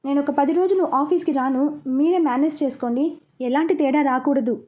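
Woman reading a young man, teasing, matter-of-fact, high voice, mellow tone. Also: normal speed, natural voice.

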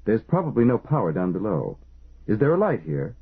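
Man doing a sharp, demanding engineer. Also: on the low side, huge pitch swings, a little fast, husky, heavily acted. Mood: urgent. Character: urgent, commanding male plant engineer. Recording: tinny phone-like band.

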